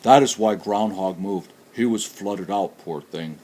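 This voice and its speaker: A man voicing a grumpy, punctual male bear who mutters low and sulkily. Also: measured pace, dark tone. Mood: grumbling.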